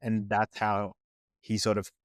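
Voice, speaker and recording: A man hosts a casual podcast interview, rambling and correcting himself mid-thought. His voice sits low, and the recording is dry and close-miked. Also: monotone, no echo. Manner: rambling, self-correcting, pace swings between slow and quick. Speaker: podcast host.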